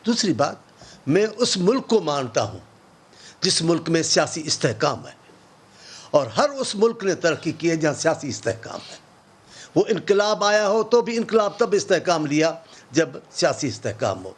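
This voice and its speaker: Brief: man, high-pitched, heated opposition politician, sarcastic, rhetorical. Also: big pitch swings, breathy edge. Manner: impassioned, sarcastic, fires rhetorical questions. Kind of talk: political talk show debate.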